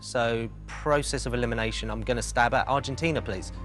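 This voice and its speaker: A man's voice: medium pitch, fairly even intonation, a little fast, a bit bright. A man competing on a quiz show, hesitantly thinking aloud as he works towards an answer. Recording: TV quiz with background music.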